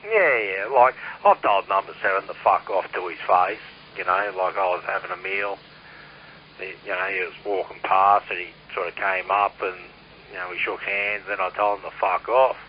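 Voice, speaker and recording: A deep-voiced Australian man talks over CB radio at a moderate pace, swearing, rambling and speaking bluntly in a casual chat. He's a CB radio operator, and the transmission is noisy and muffled.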